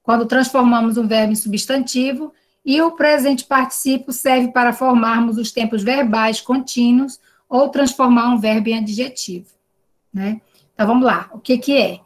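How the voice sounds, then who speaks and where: With a fairly high pitch and a moderate pace, this English teacher holds an online class by video call. She has a Brazilian Portuguese accent and explains patiently, regularly using tag questions to check in.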